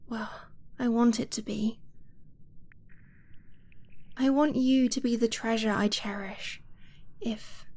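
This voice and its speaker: Using a full character voice at a fairly high pitch, a woman plays a devoted young dragonblooded girlfriend in close, romantic ASMR roleplay. She whispers breathily and pauses hesitantly, sounding tender and adoring.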